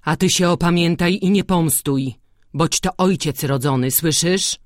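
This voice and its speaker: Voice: mid-range voice, a little slow, no echo, clean studio sound, close to an everyday voice. A reader voicing a stern older male village priest who lectures and admonishes, in an audiobook. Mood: scolding.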